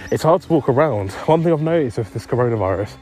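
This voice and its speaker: A man's voice: medium pitch, animated, quick pace, darkish tone. A young man rambling through a casual solo podcast while out walking, distracted and self-deprecating. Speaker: podcast host. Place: outdoors on a street.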